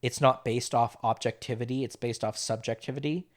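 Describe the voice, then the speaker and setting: A man in casual podcast chat, talking in an animated, rambling way with frequent laughs. His voice sits at an ordinary middle pitch for a man. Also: fairly quick. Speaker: podcast host.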